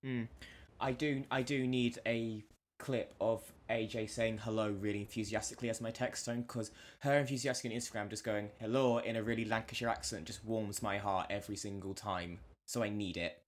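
A man's voice: fairly low pitch, fairly even intonation, a little fast. Opinionated man in a casual podcast chat. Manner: enthusiastic, opinionated, repeats words when starting a point. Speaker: podcast guest.

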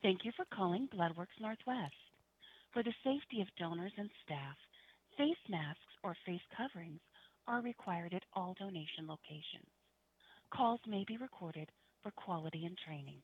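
A woman's recorded phone menu voice heard over a landline phone, reading prompts in an even, measured announcer manner. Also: fairly low pitch, slightly rough. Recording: dull phone line audio.

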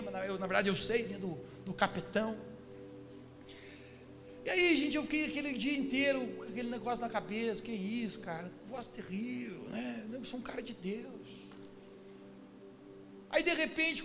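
A young man from Brazil, a pastor's son, giving a lively testimony and acting out the voices of the people in his story. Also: high-pitched, in a large hall. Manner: lively, acts out quoted voices.

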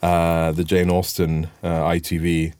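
Low-voiced man hosting an interview. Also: completely flat delivery, darkish tone, smooth, no room sound, clean studio sound. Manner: effusive, digressive, halting phrasing. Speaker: interview host. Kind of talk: conversational interviewing.

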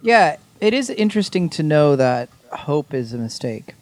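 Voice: medium pitch, very animated, moderate pace, no room sound. A speaker joining a casual podcast chat with wry jokes.

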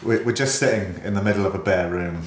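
A man's voice: low-pitched, quick pace, slight background noise. A man co-hosting a podcast with casual joking banter and stammered starts, in an echoey bare room. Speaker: podcast co-host.

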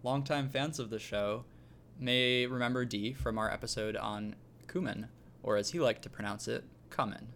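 A man hosting a casual podcast and explaining things in a relaxed way, with frequent ums. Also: medium pitch, normal speed, slight background noise. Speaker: podcast host. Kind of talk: casual chat.

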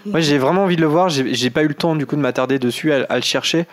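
A man's voice: on the high side, racing. A man co-hosting a casual podcast, talking chattily with frequent hesitations and restarts. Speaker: podcast co-host. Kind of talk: casual chat.

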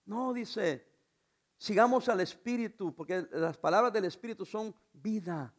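A middle-aged man preaching a sermon as pastor, animated, asking the congregation rhetorical questions and mixing in humor. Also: high-pitched, measured pace.

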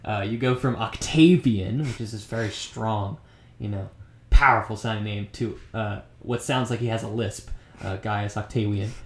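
A man's voice: fairly low pitch, moderate pace, few pauses, roomy sound, a little hiss or hum. A man co-hosting a casual history podcast, explaining things with frequent ums. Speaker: podcast co-host.

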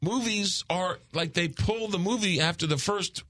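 A man hosting a radio talk show, chatting casually and haltingly, often repeating words as he goes. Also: high-pitched, fairly bright tone. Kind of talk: casual conversational radio chat.

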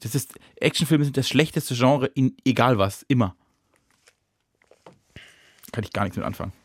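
A young man co-hosting a podcast, teasing his partner in quick casual banter. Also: mid-range voice, slightly rough. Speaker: podcast co-host. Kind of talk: casual chat. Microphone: studio mic.

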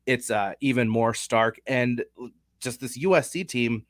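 A man's voice: medium pitch, unhurried, dry recording, studio quality. A young man hosting a casual sports betting chat, talking through stats and odds analytically. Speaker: sports betting podcast host.

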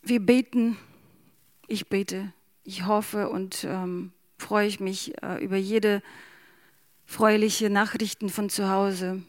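Slow, soft-spoken woman. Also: mid-range voice, fairly even intonation, no room sound, clean studio sound. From Ukraine. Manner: hesitant, many fillers, soft-spoken. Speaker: interview guest. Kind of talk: slow emotional reading and halting answers.

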